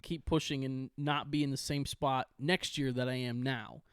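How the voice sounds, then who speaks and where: A man's voice: medium pitch, flat delivery, moderate pace, smooth, no room sound, studio quality. A young man co-hosting a casual podcast chat over a video call, laughing often and swearing casually. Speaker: podcast co-host.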